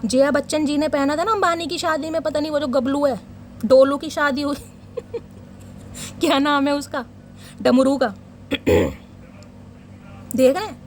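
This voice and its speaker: A woman's voice: high-pitched, steady tone, unhurried, long pauses, slight background noise. A woman doing a casual tarot reading for her viewers, chatty and teasing, laughing often and chanting short invocations while she shuffles. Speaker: tarot reader.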